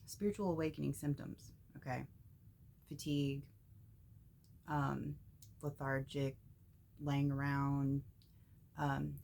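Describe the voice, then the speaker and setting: A woman hosting a spiritual message vlog, talking casually in a halting, tongue-tied way with many pauses and ums. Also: low-pitched, vocal fry, a little mellow. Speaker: spiritual channel host.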